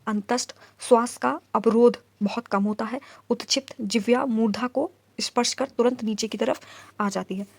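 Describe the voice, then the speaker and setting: A woman teaching an exam-prep grammar lesson, putting questions to the class and answering them herself, and reciting letter sounds in slow lists. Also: fairly high pitch, fairly even intonation, gravelly, no echo.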